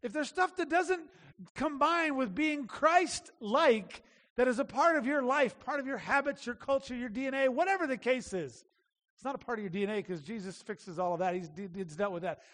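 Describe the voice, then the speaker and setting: A man's voice: very high-pitched, expressive, moderate pace, a bit bright, in a large hall. A man preaching a sermon in a conversational, emphatic way, repeating key phrases. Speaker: pastor.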